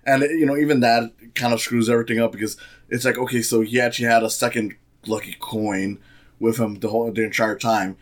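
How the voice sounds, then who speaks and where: A man's voice: medium pitch, steady tone, brisk. A man giving a casual, sarcastic movie review, rambling with many fillers and restarts. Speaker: film reviewer.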